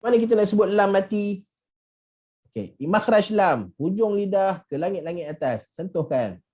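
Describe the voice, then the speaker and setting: Malaysian male tajwid teacher, mellow tone, patient, repeats drill words. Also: high voice, animated, normal speed. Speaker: Quran recitation teacher. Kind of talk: online tajwid lesson.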